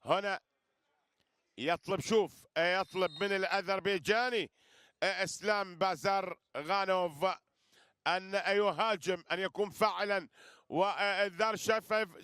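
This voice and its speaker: A man's voice: high-pitched, fairly even intonation, moderate pace, sharp tone, clean tone, dry recording. A man giving live wrestling commentary, repeating phrases and addressing listeners with flourishes. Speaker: sports commentator.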